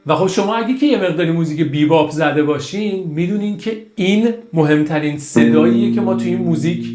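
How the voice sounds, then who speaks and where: A man's voice: sits high, a little mellow. A man giving a casual music theory lesson, enthusiastic and singing short phrases to show them. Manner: enthusiastic, sings phrases to demonstrate. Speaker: music teacher. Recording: echoey room with guitar music.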